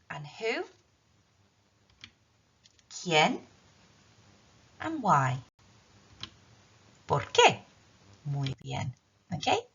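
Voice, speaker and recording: A woman teaching key words in a recorded language tutorial, drilling them slowly with repeat-after-me lines. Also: deep voice, creaky, fairly bright tone, husky. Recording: dull lo-fi recording.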